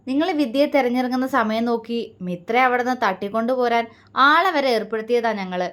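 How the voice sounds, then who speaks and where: A woman's voice: a little high, fast talker, a bit bright, natural voice. A woman voicing a scheming young man who taunts and threatens the others. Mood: sneering. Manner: sneering and taunting.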